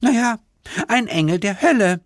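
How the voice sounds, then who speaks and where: A man's voice: sits high, lively intonation, normal speed, no echo, clean studio sound, pitched above the performer's own voice. A man voicing a spiteful female angel from hell who taunts and gloats. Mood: gloating.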